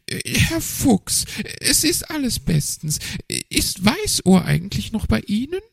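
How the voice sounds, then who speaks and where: A man voicing a fussy, prim female magpie in a storybook reading, pitched high and shrill. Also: very animated, unhurried, vocal fry, slightly rough, dry recording, full character voice. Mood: flustered polite. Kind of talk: audiobook character voice.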